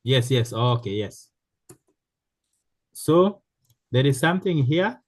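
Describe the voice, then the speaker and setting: A man teaching a programming class in a slow, halting way, with many fillers and restarts. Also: medium pitch, expressive, no room sound. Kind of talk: live online class instruction.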